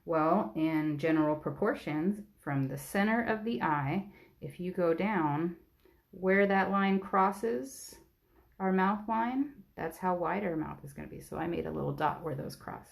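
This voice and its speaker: A woman's voice: low voice, gravelly. A woman art teacher giving a patient, step-by-step drawing lesson on a live stream.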